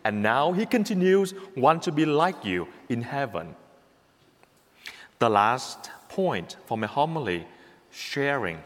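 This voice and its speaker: Animated priest preaching in a reverberant hall. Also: male voice, medium pitch, slow pace. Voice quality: animated, repetitive emphatic delivery. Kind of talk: Christmas homily. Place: church at Christmas mass.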